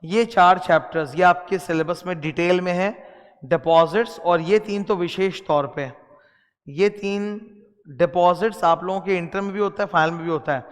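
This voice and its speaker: A man's voice: high voice, moderate pace, long reverb tail. A man with an Indian accent teaching a law class to students, giving direct instructions and explanations. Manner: explains in mixed Hindi and English, addresses students directly. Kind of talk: classroom lecture.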